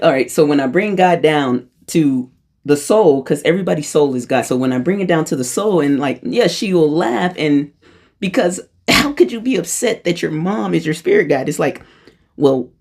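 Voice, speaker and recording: A woman's voice: sits low, a little mellow, slightly rough. A woman in her thirties telling a personal spiritual story in a casual, rambling way, full of slang and restarts. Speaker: spiritual vlogger.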